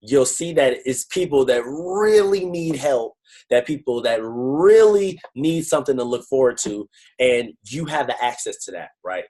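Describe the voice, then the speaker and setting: A man leading a team video call, telling a slangy, animated motivational story in casual talk over a computer mic. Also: mid-range voice, a little slow, poor audio. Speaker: network-marketing team leader.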